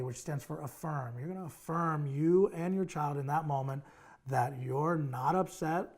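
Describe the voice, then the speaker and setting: A man's voice: on the high side, vocal fry, a little mellow. A male child behavior clinician hosting a parenting advice show, speaking straight to parents and explaining a strategy step by step. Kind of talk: direct-to-camera parenting advice talk.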